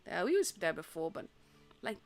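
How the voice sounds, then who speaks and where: This esports caster and streamer has a voice on the low side, very animated, at a moderate pace. A young native Dutch speaker from the Netherlands with a Dutch accent, she chats casually while commentating a tournament live, full of fillers and restarts, with faint stream music behind her.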